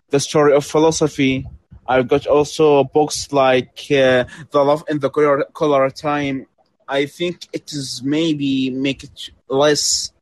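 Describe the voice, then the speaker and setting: A man in a casual online voice chat, talking haltingly with many restarts while his internet audio glitches and cuts out. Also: on the high side, dry recording. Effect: glitchy, cutting-out internet audio with jumpy pace. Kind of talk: casual conversation. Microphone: computer mic over an online call.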